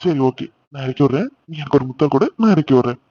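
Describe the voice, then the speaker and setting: A man's voice: medium pitch, lively intonation, quick pace, warm tone, muffled recording, natural voice. A man voicing a young cartoon husband, eager and affectionate, teasing his wife playfully. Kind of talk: cartoon voice acting.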